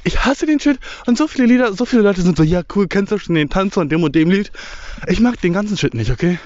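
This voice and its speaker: Young guy rambling in slang while walking in the woods, kinda out of breath, slightly high voice, dull dry sound. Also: lively intonation, quick pace, a little mellow, dry recording. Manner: slangy, mixes English words, rambling. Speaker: vlogger. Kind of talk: casual walking monologue. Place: outdoors in a forest.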